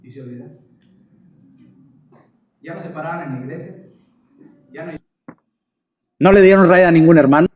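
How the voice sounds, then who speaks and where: A man preaching a sermon, telling a story and acting out the villagers' voices with big jumps in pitch. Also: normal speed, long pauses, a little mellow, husky, dull audio. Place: church.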